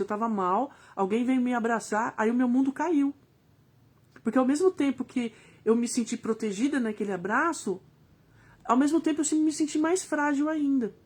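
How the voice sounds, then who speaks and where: Casting note: Brazilian woman, devotional speaker live with viewers, sincere and reflective, slightly high voice. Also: a little mellow. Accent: Brazilian Portuguese. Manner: earnest, reflective, searching for words.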